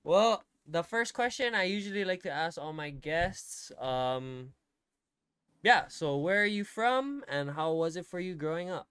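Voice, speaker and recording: A male podcast host asking questions in an easygoing, casual way with relaxed slang. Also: on the high side, a little slow, clean tone, dry recording. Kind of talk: casual interview.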